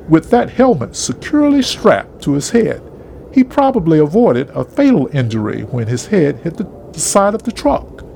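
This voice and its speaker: A man reading a story aloud in an expressive, dramatic narration style. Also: on the high side, gravelly, a little hiss or hum.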